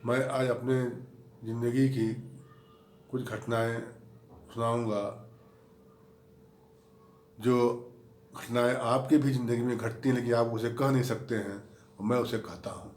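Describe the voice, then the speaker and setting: A man's voice: mid-range voice, steady tone, unhurried, long pauses, darkish tone, roomy sound, slight background noise. A man telling a comic tale of his own marriage in a mock-mournful, exasperated manner. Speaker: comic storyteller, channel host. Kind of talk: comic monologue told to camera.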